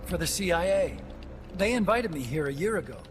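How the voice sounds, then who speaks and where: A man with a high, sing-song voice talks briskly over a noisy background of game score music. He is an actor playing an earnest, chatty young engineer-scientist who explains things at length in a game cutscene.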